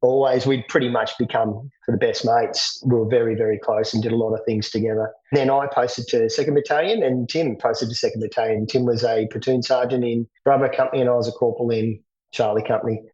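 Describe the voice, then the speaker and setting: A middle-aged Australian man, a veteran, recalling his army days in a plain, steady way, often restarting his words. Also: mid-range voice, brisk, highs cut off. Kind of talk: interview recollection.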